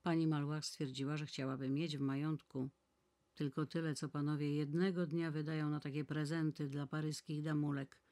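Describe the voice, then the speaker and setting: A woman reading a classic novel aloud in measured, even storytelling. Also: low voice. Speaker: audiobook reader. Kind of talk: scripted narration.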